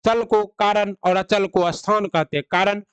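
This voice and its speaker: A man gives an online grammar lesson, setting out each rule and then quizzing the listener with questions he answers himself. His voice is smooth and clear and sits a little high. It is recorded close up in a dry room. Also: steady tone, unhurried, a bit bright, no echo. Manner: explains rules then quizzes with rhetorical questions. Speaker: Hindi grammar teacher. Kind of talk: online exam-prep lecture.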